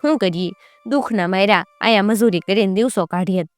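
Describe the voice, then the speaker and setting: A woman's voice: medium pitch, a little fast, dry recording, soft background music, lightly acted. A woman voicing a frightened young merchant's son in a folk tale, pleading and earnest. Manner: pleading, then whispering to a friend.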